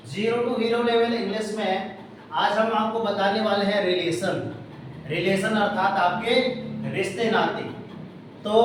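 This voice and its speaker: A man's voice: sits high, slight background noise. A man tutoring a class in English, spelling words out letter by letter and quizzing his students. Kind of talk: classroom teaching. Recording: echoey room recorded from a distance.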